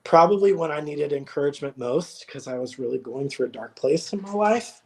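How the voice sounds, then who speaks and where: A young adult man talking as a guest on a video call, telling a personal story in an earnest, reflective way with many hesitant pauses. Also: fairly high pitch, animated. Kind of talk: casual chat.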